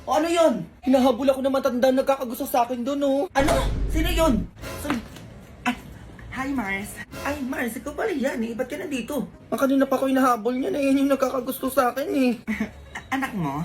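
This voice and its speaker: Isang babaeng may puntong Pilipino na nagko-komedya sa skit, ginagampanan ang iba't ibang karakter, pasigaw at eksaheradang pananalita. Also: female voice, high-pitched, a little fast. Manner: scolding, exaggerated comic delivery. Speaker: comedy skit creator. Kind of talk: comic skit acting, playing several roles. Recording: music playing behind.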